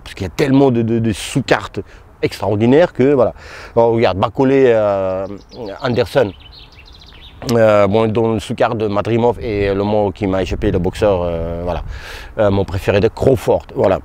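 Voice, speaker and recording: A man giving casual, halting boxing commentary straight to his viewers, as if chatting with a friend. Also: lowish voice, mellow. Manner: hesitant, halting, talks to viewers as "tu". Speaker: boxing YouTuber.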